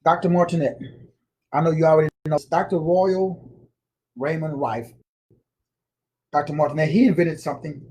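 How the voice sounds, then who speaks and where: A man's voice: fairly high pitch, steady tone, moderate pace, pauses often, a little mellow. A man giving an informal spiritual lecture, slangy and emphatic, repeating words for stress. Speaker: spiritual teacher.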